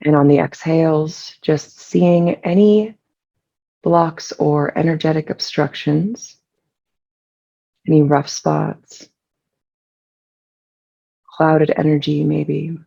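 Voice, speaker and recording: In an unhurried, soothing guided meditation, a relaxed speaker uses a gravelly, fry-heavy voice of medium pitch and leaves long pauses. The sound quality is lo-fi.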